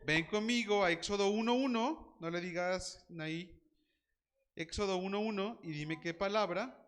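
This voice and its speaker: Man, classroom teacher, lively, joking, fairly high-pitched. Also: measured pace. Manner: lively, quizzes students by name, jokes.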